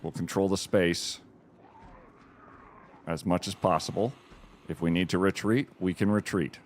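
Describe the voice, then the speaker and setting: A man's voice: low-pitched, steady tone, a little slow, slight background noise. A man streaming a game, giving live commentary in a dry, wry, self-deprecating mutter.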